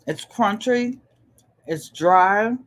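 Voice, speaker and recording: An older woman hosts a craft livestream, speaking extremely slowly in a mid-range voice. She chats casually, reads viewer comments aloud, and laughs easily.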